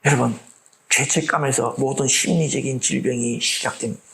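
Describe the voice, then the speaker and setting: A man preaching a sermon in an animated way, asking the congregation rhetorical questions and acting out the voices of the people in his story. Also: medium pitch, brisk, creaky, a little hiss or hum, poor audio. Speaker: pastor.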